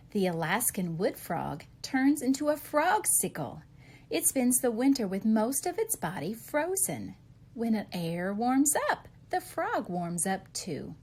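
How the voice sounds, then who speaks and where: In a slow, darkish, medium-pitched voice with big pitch swings, a slightly husky woman reads a children's picture book, posing questions and answering them expressively for young listeners.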